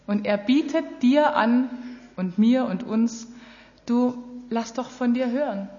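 A woman preaching with a fairly high voice, addressing her listeners earnestly and directly. The recording is muffled and dull, with a long reverb trailing off the walls of a large hall. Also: slow pace, warm tone. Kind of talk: sermon.

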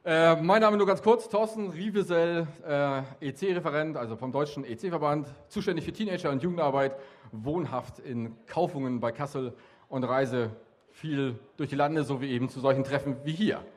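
High-voiced man joking with a youth crowd. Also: moderate pace. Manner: chatty, joking, asking the audience many questions. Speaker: youth worker speaking at a youth event. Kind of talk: lively talk to a young audience.

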